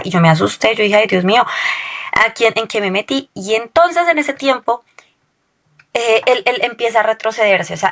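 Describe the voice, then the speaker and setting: A woman's voice: a little high, fairly bright tone. A woman telling a personal testimony as a guest, often checking in with her listener with a questioning tag.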